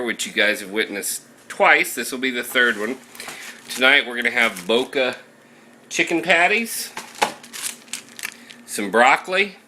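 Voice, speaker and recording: A man's voice: medium pitch, sharp tone, slight background noise, poor audio. A man in a casual daily vlog, talking in a chatty, self-deprecating way with frequent laughs, at home in his kitchen. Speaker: vlogger.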